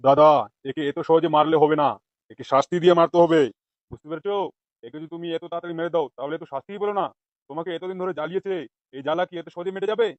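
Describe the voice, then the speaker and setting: A man voicing a vengeful male politician in a comic cartoon, spitting out rapid threats at his captive. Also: fairly high pitch, steady tone, no room sound, dull audio. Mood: menacing.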